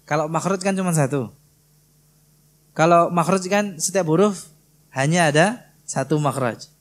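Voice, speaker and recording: A man from Indonesia teaching Quran recitation in a prayer hall, patiently drilling and gently correcting students. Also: a little high. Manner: slow, patient, drills students by repeating syllables. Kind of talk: tajwid lesson with live correction.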